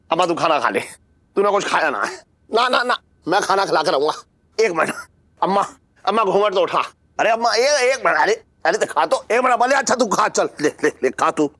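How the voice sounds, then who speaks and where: A man's voice: high voice, sharp tone. A man playing a boisterous father in a TV sitcom, coaxing with sing-song laughs. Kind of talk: TV sitcom acting.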